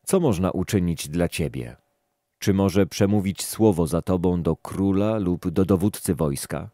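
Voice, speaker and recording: A man's voice: sits low, unhurried, mellow, no room sound, studio quality. A man reading as a stern old prophet. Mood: solemn.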